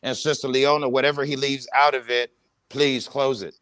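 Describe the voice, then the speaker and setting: A man's voice: medium pitch, flat delivery, normal speed, a bit bright, clear, resonant tone, dry recording. Emphatic man hosting a live panel. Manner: emphatic, preacher-like cadence, repeats phrases. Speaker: host. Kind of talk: live online panel discussion.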